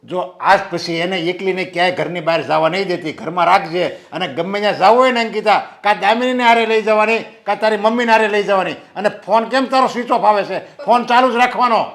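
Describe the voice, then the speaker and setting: A middle-aged father fretting over his daughter and scolding everyone at home. His voice sits unusually high for a man, and he talks in an agitated, lecturing way. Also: fairly quick, few pauses, a bit bright. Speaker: worried father of the bride. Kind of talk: Gujarati film acting.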